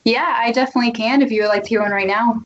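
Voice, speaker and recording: A woman's voice: a little high, very fast, a little hiss or hum. Woman with on muffled audio. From Tennessee, United States. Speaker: guest singer-songwriter. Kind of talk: casual interview chat.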